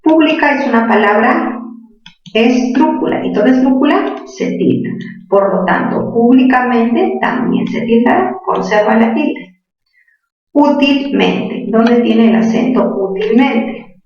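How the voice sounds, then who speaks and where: A woman's voice: a little high, lively intonation, a little slow, darkish tone, soft background music. A woman teaching a spelling lesson to students, patiently asking questions and answering them herself. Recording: distant echoey classroom, dull sound.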